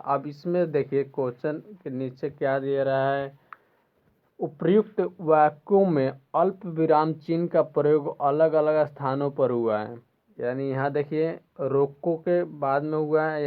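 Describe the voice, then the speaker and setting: A man teaching a school textbook lesson, explaining slowly and repeating phrases so students can follow, now and then clearing his throat. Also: a little high. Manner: slow, deliberate, repeats phrases to make them clear. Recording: tinny phone-like recording.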